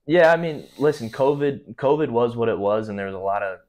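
A man's voice: mid-range voice, brisk, a little mellow. A young man hosting a podcast interview in a small studio room, asking long, thoughtful questions. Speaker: podcast host. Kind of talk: casual interview.

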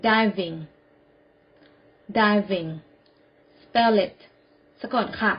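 A woman teaching children English vocabulary, saying each word clearly and spelling it out letter by letter. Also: medium pitch, very slow, dull audio. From Thailand. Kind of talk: slow classroom vocabulary drill.

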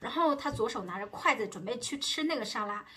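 Bright breathy woman venting to viewers. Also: fairly high pitch, lively intonation, fast. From China. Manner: chatty and exasperated, rising heat when retelling arguments. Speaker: vlogger. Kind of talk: casual storytelling to viewers.

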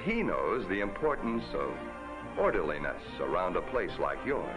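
Deep folksy 1950s TV commercial announcer. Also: male voice, sing-song, moderate pace. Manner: folksy, upbeat pitchman. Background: music.

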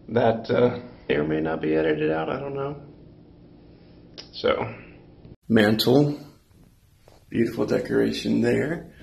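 An American vlogger in his twenties gives a casual, laid-back tour of empty apartment rooms, talking informally into a handheld phone held at arm's length. His voice is fairly low with vocal fry.

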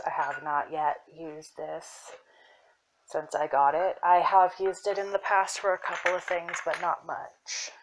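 A young woman casually showing her herb collection, soft-spoken and unhurried, with fillers and self-corrections that sometimes drop into a whisper. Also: sits low, a little hiss or hum, rough recording. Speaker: apothecary shop owner. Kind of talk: casual show-and-tell.

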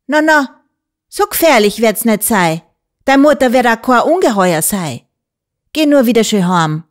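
A woman's voice: fairly high pitch, animated, unhurried, voice pushed up. A woman voicing a kindly countrywoman with a Bavarian accent, coaxing and soothing. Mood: startled, soothing.

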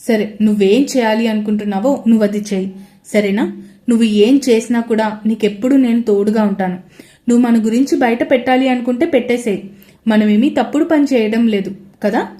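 A woman's voice: on the high side, moderate pace, dark tone, lightly acted. A woman doing a caring young husband on the phone. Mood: reassuring. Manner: soothing, reassuring on the phone.

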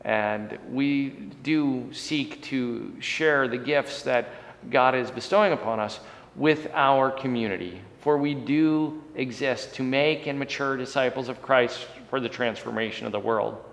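Speaking at a measured pace, this forties-aged male pastor has a medium-pitched, creaky voice with a fairly bright tone. He delivers a sermon and prayer with earnest, swelling and ebbing emphasis. The audio comes from a fixed chest-height camera in an indoor church sanctuary, and the hall's long reverb hangs on every word.

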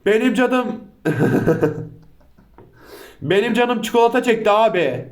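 A man's voice: sits high, expressive, takes it slowly, heavy background noise. A man chatting casually as the host of a reaction video. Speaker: YouTube host.

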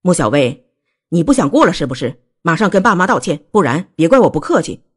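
A woman voicing a young husband who speaks coldly and firmly in a lowered voice. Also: moderate pace, a little mellow, breathy edge. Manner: cold, clipped, firm. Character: stern young husband, cold and firm.

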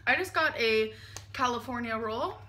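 A woman in her twenties, a vlogger, unpacks her groceries and chats casually about them in her kitchen late at night, sounding tired and prone to giggles. She speaks at a normal speed in an expressive, slightly high voice with a sharp tone. A little hiss or hum sits in the background.

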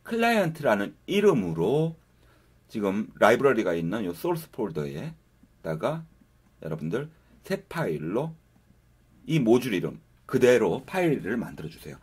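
A man's voice: fairly low pitch, slightly rough. A man giving a casual, step-by-step coding tutorial over a screen recording, talking viewers through each step. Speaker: programming instructor.

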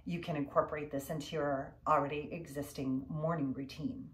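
An older woman teaching a guided breathing lesson as a yoga instructor, talking in measured short phrases with pauses. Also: low-pitched, fairly even intonation. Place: furnished living room, indoors.

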